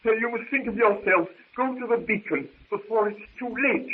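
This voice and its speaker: A man's voice: sits high, normal speed, breathy edge. An actor playing a distraught, stubborn elderly professor and father in a 1930s radio serial, stammering and fretful. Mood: despairing. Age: older. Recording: muffled 1930s radio recording.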